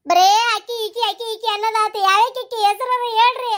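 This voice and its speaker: Someone voicing a squeaky, nosy village woman. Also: steady tone, pushed and bright. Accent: North Karnataka Kannada. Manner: nosy, pestering, quick to tease. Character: chatty village woman back from the city. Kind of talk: cartoon comedy voice acting.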